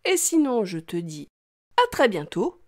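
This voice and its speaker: A woman teaching young children to read, talking slowly in an exaggerated, sing-song way. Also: mid-range voice, very animated, dry recording, clean studio sound. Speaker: reading teacher. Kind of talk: children's reading lesson.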